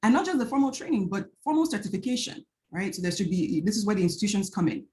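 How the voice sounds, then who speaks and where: A Nigerian woman researcher with a Nigerian accent gives an earnest academic panel talk over a video call, often adding "right?" and restarting phrases as she thinks. Her mid-range, darkish voice swings widely in pitch, and she speaks fast. Slight background noise is present.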